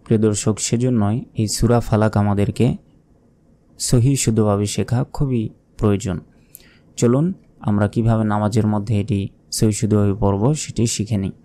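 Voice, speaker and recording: A man with a Bangladeshi Bengali accent teaching a Quran recitation lesson, explaining pronunciation and chanting verses slowly. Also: fairly low pitch, little pitch movement, dark tone.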